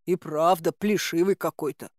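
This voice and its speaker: A woman voicing a slow-witted male guard in an audiobook, musing and dismissive. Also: lowish voice, fairly even intonation, no echo, clean studio sound, natural voice.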